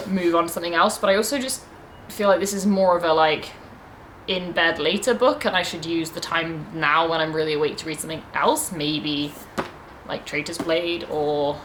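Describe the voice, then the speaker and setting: A young woman talks through her reading in a loose, rambling vlog chat, full of fillers. Her voice sits fairly low for a woman. A faint hiss of noise runs behind her. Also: fairly bright tone. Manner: chatty, rambling, many "like" and "um" fillers. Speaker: book vlogger.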